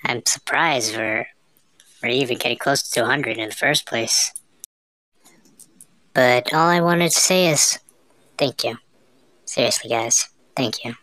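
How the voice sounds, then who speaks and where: Channel creator, male, voice run through a deep pitch-shifter; casual, hesitant thanks to viewers. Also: sharp tone, no room sound. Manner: halting, with fillers and restarts. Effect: deep pitch-shifting voice changer. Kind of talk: casual direct address.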